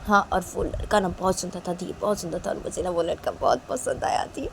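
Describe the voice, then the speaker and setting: A woman voicing a shy, lovestruck young man who talks softly and pleads with his older sister. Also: on the low side, brisk, creaky, a little hiss or hum. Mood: dreamy.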